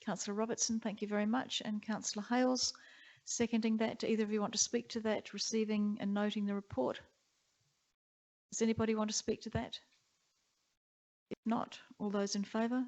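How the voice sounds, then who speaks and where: A woman chairing a council meeting, running through motions and votes in a brisk, procedural way. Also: medium pitch, little pitch movement, a little mellow. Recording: dull muffled council chamber audio.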